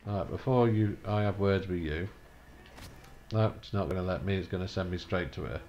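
A man's voice: low-pitched, brisk, darkish tone, lo-fi sound, soft background music. A man casually commenting while he plays a video game, amused and muttering to himself. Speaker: streamer playing a video game. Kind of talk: casual let's-play commentary.

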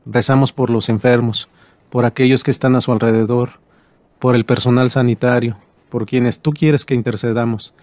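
Man, rosary prayer leader, steady measured recitation, dry close sound. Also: medium pitch, dry recording.

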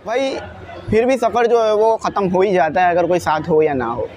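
A man's voice: sits high, moderate pace, darkish tone. A young man with a Pakistani Urdu accent, vlogging casually to camera on a railway platform and talking chattily to his viewers. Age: young adult. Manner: chatty, addresses viewers as "bhai" often, frequent fillers. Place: outdoor railway station platform. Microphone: small lapel mic. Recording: outdoor station with faint noise.

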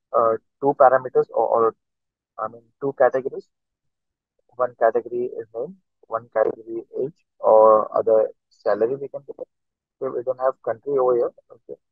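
A man's voice: medium pitch, fairly even intonation, moderate pace, long pauses, no room sound. A male instructor giving an online lecture, heard through a screen recording of the class, walking through each step and saying "okay" again and again. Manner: explains step by step, says "okay" constantly. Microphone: computer mic on a video call. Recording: tinny dry online call audio.

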